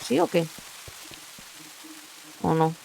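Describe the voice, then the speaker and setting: A woman's voice: fairly low pitch, sing-song, very slow, gravelly, warm tone, faint music behind. A woman giving casual gameplay commentary, chatty and often murmuring to herself. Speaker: gaming video creator.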